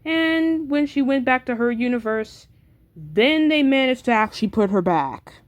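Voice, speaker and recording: A woman's voice: high-pitched, lively intonation, normal speed, lo-fi sound. A woman casually explaining the backstory of characters she made, stuttering and restarting often with lots of filler words. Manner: rambling, filler-heavy delivery. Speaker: creator explaining her character lore. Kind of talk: casual chat.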